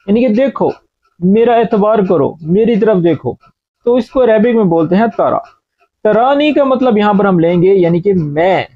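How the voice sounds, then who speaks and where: High-voiced Urdu-accented man teaching Arabic. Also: no room sound, phone-quality sound. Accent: Pakistani Urdu. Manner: explains slowly, repeats each phrase. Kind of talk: spoken-language lesson.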